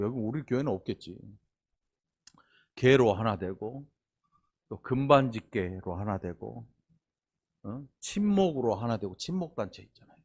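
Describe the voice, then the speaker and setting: A man's voice: mid-range voice, lo-fi sound. A male pastor delivers a sermon in a folksy, playful way. He keeps stopping to quiz and tease the people in the pews. He sounds middle-aged. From Honam region of Korea. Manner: folksy, teasing the congregation with asides and questions.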